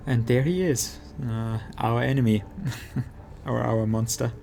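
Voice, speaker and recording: A man giving casual gameplay commentary as a streamer, halting as he thinks aloud. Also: medium pitch, steady tone, vocal fry, mellow, slight background noise. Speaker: game streamer. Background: game music.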